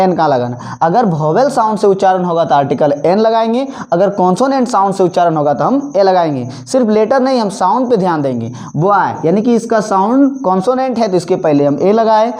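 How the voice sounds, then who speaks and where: A man teaching an English grammar lesson, repeating each example word slowly and asking questions that he then answers himself. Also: high-pitched, animated, a little mellow. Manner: asks the class questions and answers them himself. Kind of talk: classroom-style grammar lesson.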